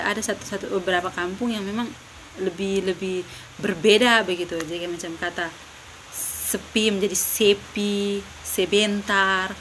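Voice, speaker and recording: A woman's voice: medium pitch, fairly bright tone, rough recording. A young woman talks through a class presentation in a mid-range voice. She hesitates a lot and keeps filling gaps with "uh". Faint noise sits under her voice. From Lembata, eastern Indonesia. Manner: hesitant, many fillers, switching between English and Indonesian. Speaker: university student.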